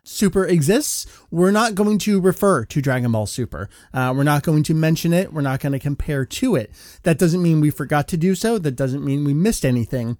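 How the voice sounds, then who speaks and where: A man's voice: fairly high pitch, a little mellow, dry recording. A man hosts a casual podcast, talking in a slightly raised register with an upbeat, joking manner and plenty of "uh" fillers. The close mic sounds dry, with no room around it. He keeps the chat loose and friendly. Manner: upbeat and jokey, with frequent "uh" fillers. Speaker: podcast host.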